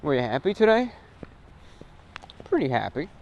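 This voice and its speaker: With highs cut off and a slightly mellow tone, this male host's fairly high voice comes across as very animated at a moderate pace. He's walking outdoors, clear ambient noise behind him, delivering a loose, reflective monologue of short phrases for his radio and online show.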